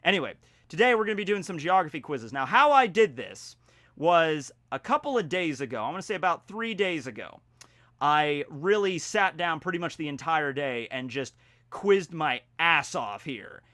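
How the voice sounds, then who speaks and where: A man talking casually in a home vlog, with playful mock-grandiose announcing, theatrical emphasis and drawn-out words. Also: on the high side, animated, bright, forceful tone, no echo. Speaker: vlogger. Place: indoors at home.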